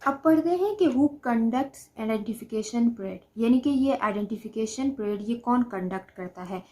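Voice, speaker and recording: A woman with a Pakistani accent gives an explanatory law lecture, explaining in Urdu and then slowly reading English definitions, moving step by step and repeating each point. Her voice is mellow and a little high, animated, and slightly slow.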